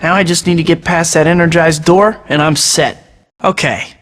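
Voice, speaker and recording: A young man plays a quipping masked web-slinger, his voice sitting a touch high for a man. He mutters plans to himself and tosses off jokes at his enemies, in clipped game voice-over lines. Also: steady tone, normal speed, a bit bright, big-room sound, close to an everyday voice. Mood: wisecracking. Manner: wry, joking asides to himself. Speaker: video game hero voice clips.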